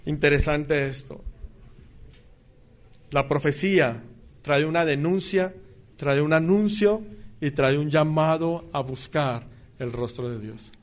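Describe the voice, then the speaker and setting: A male preacher giving an emphatic sermon that swings between loud declarations and quiet asides. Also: on the high side, slow pace, pauses often.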